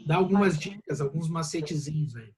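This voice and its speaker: A Brazilian law professor, a bit congested, chats with his students on a video call in an online class Q&A. His voice is on the high side, expressive and a little fast. He speaks Brazilian Portuguese with warm, casual reassurance and plenty of "né?".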